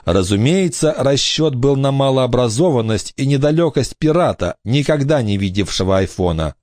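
Man, storybook narrator, lively pitch, expressive, dry close recording. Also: normal speed, no room sound. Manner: expressive, theatrical. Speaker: audiobook narrator.

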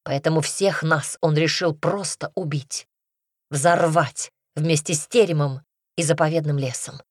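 A woman's voice: sits low, fairly even intonation, unhurried, no room sound, clean studio sound. A woman narrator voicing a weary, grave mother explaining bad news in an audiobook. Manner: grave, sad.

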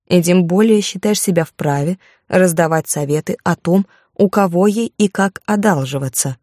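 Icy commanding viscountess, read by a woman, higher and slower, dark mellow tone, dry close sound. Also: dry recording, lightly acted. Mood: severe. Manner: cold, clipped, commanding. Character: stern haughty aristocratic viscountess, older woman.

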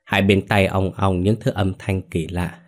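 A man reading a horror story as a scripted narration, slow and hushed in the eerie parts. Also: low-pitched, level tone.

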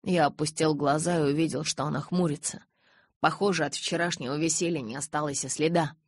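A woman narrating a novel in the first person in an even, measured reading voice. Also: sits low, no echo, clean studio sound. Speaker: audiobook reader.

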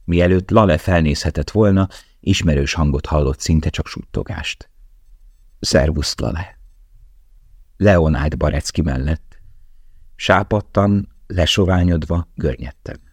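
A man narrating an audiobook in a calm, measured read. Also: sits low, no echo, studio quality. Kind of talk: scripted narration.

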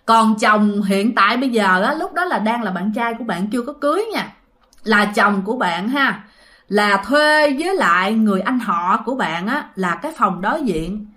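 This Southern Vietnamese-accented woman has a mid-range voice that sounds animated, pushed, and bright. She moves at a moderate pace through a ghost story, chatting casually and addressing her audience directly.

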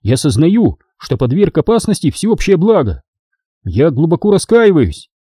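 Man playing a timid young boy, trembling, hesitant, pitched up, soft husky tone, dry storybook sound. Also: sing-song, normal speed, no room sound.

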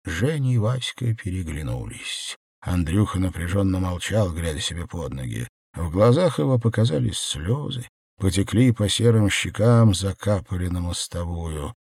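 A man narrating an audiobook in an expressive, read style. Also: low-pitched, moderate pace, breathy edge. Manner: expressive reading. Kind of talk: scripted narration.

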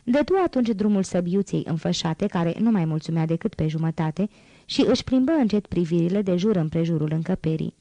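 Warm low-voiced woman reading a novel. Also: no echo, poor audio. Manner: steady, expressive literary reading. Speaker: audiobook narrator. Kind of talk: scripted audiobook narration.

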